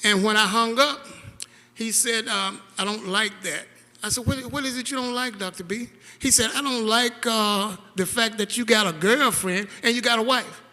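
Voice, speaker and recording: Man giving a halting, tearful memorial speech; high, bright voice in a reverberant hall. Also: steady tone. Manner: emotional, halting, laughing through tears. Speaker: caregiver giving a eulogy. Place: church hall. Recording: long church hall reverb.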